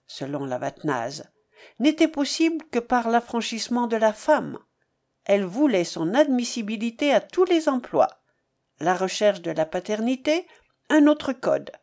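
A woman reading a classic novel aloud as an audiobook narrator, in a measured, expressive way. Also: on the high side. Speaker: audiobook reader.

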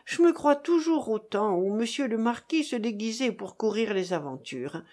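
A fussy, excitable thin old man, as a woman reader puts him on, chattering eagerly in a storybook. His lively voice climbs and swoops as he gushes. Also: on the high side, moderate pace, close to an everyday voice. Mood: elated. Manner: gushing, chattering.

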